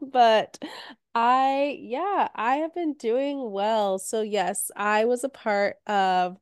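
A woman in her thirties talking casually and candidly as a podcast guest while sick and slightly hoarse. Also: on the high side, extremely slow, no echo, clean studio sound. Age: 30s. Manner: chatty, candid. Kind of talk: casual chat.

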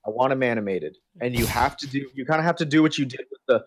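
A man's voice: mid-range voice, fast talker, a little hiss or hum. A man co-hosting a casual comedic chat, rambling with restarts and joking around. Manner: rambling, restarts mid-sentence, jokey and animated. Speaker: podcast co-host.

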